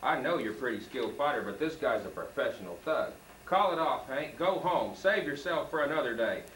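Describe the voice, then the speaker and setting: A man's voice: medium pitch, animated, brisk, a bit bright, slight background noise. A man reading a children's book aloud at a school program and cueing the student readers, heard on an old home video. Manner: reads the story and cues the student readers. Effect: old home video tape sound. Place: school hall. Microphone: far camcorder mic. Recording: echoey hall taped from far off.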